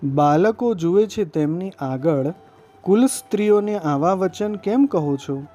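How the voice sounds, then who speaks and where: Shy devoted young milkmaid, as a man reads her, hesitant, mellow tone. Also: sits high, animated, slow pace, soft background music.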